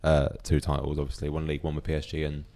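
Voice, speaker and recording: A man on a football podcast panel chatting casually in a quiet, matter-of-fact way. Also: rumbling low, monotone, very fast.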